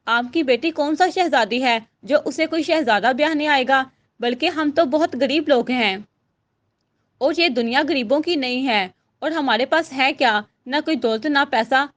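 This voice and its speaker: A woman's voice: sits high, fairly bright tone. A woman voicing a witty, teasing young daughter in a storybook reading. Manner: playful, wry.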